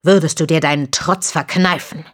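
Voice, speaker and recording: A woman's voice: low voice, steady tone, moderate pace, slightly rough. Woman reading a solemn former priest. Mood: stern. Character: grave former priest, stern teacher posing as inquisitor. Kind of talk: audiobook character reading.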